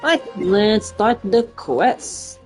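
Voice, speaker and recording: Over faint game music, a man streams gameplay and comments casually and hesitantly, rambling and swearing without restraint. His voice sits high, is expressive and darkish in tone, and moves very slowly.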